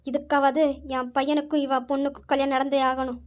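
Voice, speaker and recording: A woman's voice: high voice, flat delivery, fairly quick, natural voice. Woman playing a sly scheming sister. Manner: sly, plotting. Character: scheming young woman, spoiled granddaughter.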